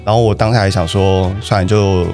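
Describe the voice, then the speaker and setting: A young man with a Taiwanese Mandarin accent speaks in a lowish voice, in halting, repetitive podcast chat. He restarts his sentences often. Faint music plays underneath. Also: fairly even intonation, a little mellow. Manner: hesitant, repeats words and restarts often. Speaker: guest telling his breakup story. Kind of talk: casual podcast storytelling.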